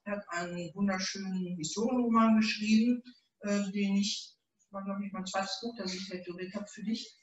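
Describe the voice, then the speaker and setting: A woman's voice: mid-range voice, fairly even intonation, normal speed, muffled recording. Middle-aged woman author chatting at a reading, lots of ums, far off mic, very echoey room. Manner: chatty, anecdotal, many fillers. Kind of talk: casual event introduction. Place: small event room, indoors. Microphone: far camera. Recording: roomy echo, mic far off.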